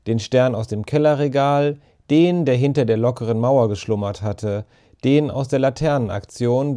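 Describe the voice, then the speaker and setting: Man with a mellow, dark voice reading a story. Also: mid-range voice. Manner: calm, measured storytelling. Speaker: narrator.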